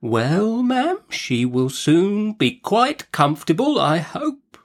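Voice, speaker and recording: Storybook doctor, played by a man: timid, deferential, flustered, speaking gently and very slowly in a lifted voice. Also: high voice, very animated, voice pushed up, heavily acted. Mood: meek, careful. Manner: soft, hesitant, drawn-out deferential delivery. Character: meek, mild, timid male doctor, easily flustered.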